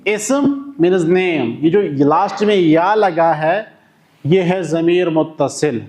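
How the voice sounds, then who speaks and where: A man with a fairly high voice teaches a classroom grammar lesson at a very slow, measured pace. He drills each word deliberately and repeats it for his students. The room around him is echoey. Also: animated, darkish tone. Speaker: Arabic teacher.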